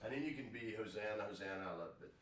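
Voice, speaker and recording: A man directing an interview shoot, coaxing the speaker with gentle directions. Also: fairly low pitch, very fast. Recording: roomy echo, far from the mic.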